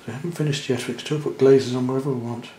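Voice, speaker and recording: This man talks very fast as he demonstrates watercolour painting at an indoor easel, relaxed and thinking aloud. His mid-pitched voice has a clear room echo, and a faint hum lies in the background.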